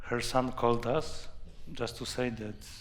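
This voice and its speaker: A Polish man with a Polish accent and a creaky voice, an author telling personal anecdotes in a halting, deliberate way. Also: medium pitch, level tone. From Poland. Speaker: author, guest. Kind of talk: anecdotal storytelling at a live talk.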